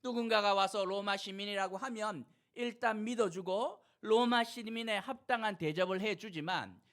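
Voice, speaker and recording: A male pastor preaching a sermon, retelling a scene with animated, everyday storytelling. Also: high-pitched, moderate pace.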